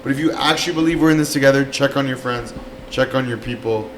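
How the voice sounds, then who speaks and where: A man's voice: medium pitch, fast talker, slight background noise. A man co-hosting a casual podcast chat, earnestly urging listeners to check on their friends. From Canada. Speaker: podcast co-host.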